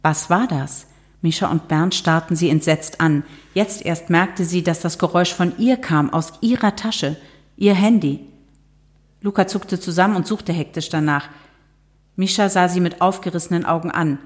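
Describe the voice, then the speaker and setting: Middle-aged woman author, a bit low-pitched, calm and wry, reading aloud and being interviewed. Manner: measured, lightly humorous, some hesitations. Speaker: author and TV journalist. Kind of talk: reading her novel, then casual interview talk.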